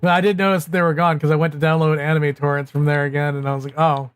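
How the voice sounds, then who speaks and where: A man's voice: on the high side, flat delivery, racing, clean tone, no echo, faint music behind. A man in his thirties chatting casually on a livestream, rambling and sarcastic. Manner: rambling, self-mocking and sarcastic. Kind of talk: casual live-stream chat.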